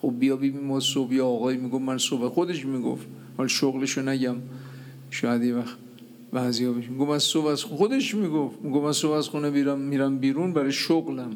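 A man preaching a sermon from the pulpit, telling stories and acting out the dialogue in lively voices. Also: medium pitch, slight background noise. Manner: lively storyteller acting out dialogue, laughing at his own tales.

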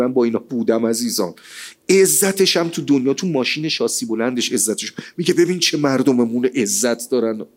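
A man giving a lively, colloquial sermon, asking rhetorical questions and reciting scripture. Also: mid-range voice. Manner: rhetorical, animated, quotes scripture. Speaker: religious speaker.

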